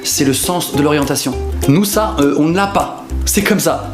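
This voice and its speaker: A man's voice: fairly high pitch, normal speed. A young man from northern France, a comedian hosting a sketch monologue in a casual, slangy, self-mocking way. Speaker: comedian host. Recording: roomy sound with background music.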